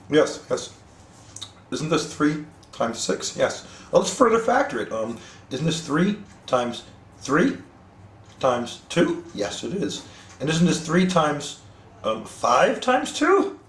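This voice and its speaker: A man leads a casual math lesson in a voice pitched a bit high. He jokes with his students and calls them dudes. He thinks aloud with frequent ums and rhetorical questions. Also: fairly bright tone. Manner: playful, jokey, talks to students as dudes. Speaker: math teacher.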